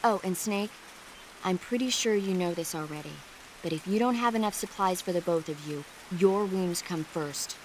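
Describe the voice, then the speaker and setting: A woman's voice: lowish voice, normal speed, a little hiss or hum, close to an everyday voice, low-quality recording. An actress playing a caring female field medic in a video game, giving firm, reassuring instructions. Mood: reassuring, instructive. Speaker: medical support. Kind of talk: cinematic video game voice acting.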